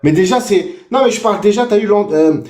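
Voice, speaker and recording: A man's voice: high voice, fast, darkish tone. A man calling into a live stream, talking casually in street slang. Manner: casual, street slang, calls the host brother. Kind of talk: casual debate.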